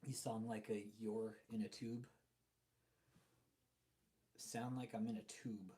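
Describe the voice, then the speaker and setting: A man's voice: lowish voice, level tone, slow. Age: adult. Sex: man. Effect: through a tube. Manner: blunt, profane. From Texas. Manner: blunt, profane, greets chat viewers by name. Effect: sounds like he is talking through a tube, quiet and far off. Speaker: livestream host. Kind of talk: casual live stream commentary. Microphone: desk mic with a loose plug. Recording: hollow tube-like sound from a loose mic.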